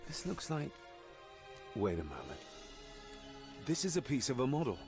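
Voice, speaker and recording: An actor playing a young gentleman heir in a mystery game, wry and brooding as he narrates his thoughts. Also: mid-range voice, huge pitch swings, moderate pace, soft background music. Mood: wry, musing.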